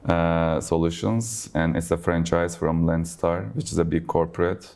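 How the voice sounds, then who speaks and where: A man who grew up in Turkey answers interview questions in English, his second language. His voice sits very low, and he talks in a relaxed way, threading "like" and "basically" through his sentences. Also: moderate pace, vocal fry. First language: Turkish. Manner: relaxed, uses many fillers like "like" and "basically". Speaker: logistics business owner. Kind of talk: conversational interview. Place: conference event.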